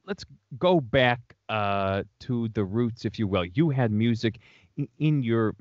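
A man hosting an interview, talking in a halting way with many repeated words and restarts. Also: medium pitch, animated, no room sound, muffled recording. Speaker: podcast host. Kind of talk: interview conversation. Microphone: remote video call.

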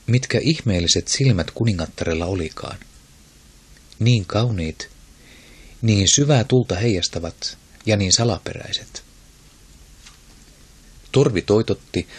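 A man narrating an audiobook in a steady, even storytelling manner. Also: sits low, breathy edge. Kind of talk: scripted narration.

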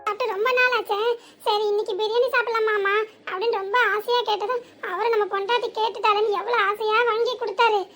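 A woman voicing a sharp-tongued young village wife in a comic cartoon, with a southern Tamil village accent and a scolding, sarcastic manner. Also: extremely high pitch, fairly even intonation, fast talker, soft background music. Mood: grumbling. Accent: southern Tamil village dialect. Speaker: cartoon character.

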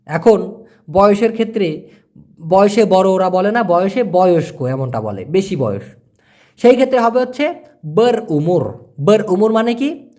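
A man giving a casual language lesson, explaining slowly and repeating words as he breaks them down. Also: high-pitched, lively intonation, darkish tone. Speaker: language teacher.

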